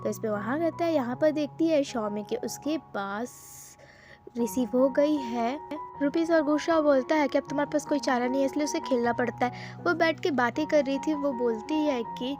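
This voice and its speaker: A woman's voice: high voice, normal speed. A woman casually retelling the plot of a drama episode in a chatty, loose way, with many fillers. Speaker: drama recap narrator. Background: background music.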